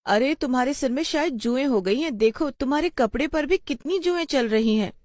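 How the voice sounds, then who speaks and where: A woman's voice: high-pitched, lively intonation, brisk, darkish tone, dry recording, studio quality, pitched above the performer's own voice. A woman voicing a middle-aged female schoolteacher in a storybook tale, scolding and questioning her pupils. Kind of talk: storybook voice acting.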